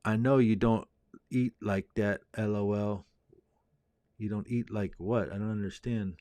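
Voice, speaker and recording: A man's voice: fairly low pitch, steady tone, unhurried, mellow, no room sound. A man hosting a fragrance livestream, reading viewer comments aloud and answering them in a laid-back, rambling, chatty way. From Indianapolis, US. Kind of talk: casual live chat reading viewer comments.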